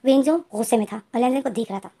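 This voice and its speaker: A woman's voice: on the high side, quick pace, dark tone, husky. A woman with a Hindi accent casually retelling a fan fiction story, voicing both characters' lines herself and talking directly to her listeners.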